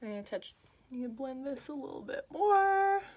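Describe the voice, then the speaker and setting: A woman's voice: high voice, big pitch swings, moderate pace, darkish tone. A woman talking through a makeup tutorial in a chatty, upbeat way, with lots of fillers as she works. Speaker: makeup artist.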